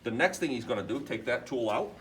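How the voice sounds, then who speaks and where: A man's voice: medium pitch, animated, fast talker. Male shop instructor, experienced machinist explaining step by step, mid-range voice, noticeable background noise. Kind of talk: hands-on step-by-step shop demonstration. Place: workshop beside a lathe.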